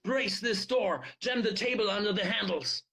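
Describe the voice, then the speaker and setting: A man voicing a harried man who shouts orders at a frightened crowd. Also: high voice, normal speed, slightly rough, pitched above the performer's own voice, heavily acted. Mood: urgent. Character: harried man rallying scared people.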